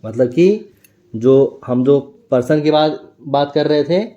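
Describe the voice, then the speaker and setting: Man teaching grammar with a dark voice. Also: on the high side, slow, dull audio. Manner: explains step by step, checks with a tag question. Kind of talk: grammar lesson.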